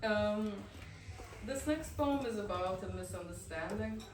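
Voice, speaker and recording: With a mid-range, animated voice, a Bosnian woman poet, whose first language is Bosnian-Croatian-Montenegrin-Serbian, reads her poems, not in English, and introduces each one. Her manner stays soft-spoken, halting between poems with fillers. The café recording is roomy and echoey, capturing her from a distance over background noise.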